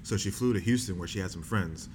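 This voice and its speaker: Young man, very low voice, calm explainer, noisy recording, guest interviewee. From New Jersey, with Bahamian family. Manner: measured and explanatory, with filler words. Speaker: guest, doctor in training. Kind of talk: casual interview answers.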